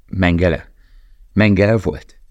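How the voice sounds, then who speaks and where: A man's voice: sits low, no echo, highs cut off, close to an everyday voice. A man reading an earnest, protective young prisoner. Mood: earnest urgent. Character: young male camp prisoner, warm, protective.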